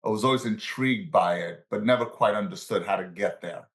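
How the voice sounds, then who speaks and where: Man, sixties, lowish voice, relaxed storytelling interview guest. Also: a little fast. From born in Italy, raised in the Bronx, New York. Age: 60s. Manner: relaxed storyteller, chuckles between anecdotes. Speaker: guest, financial services professional and coach.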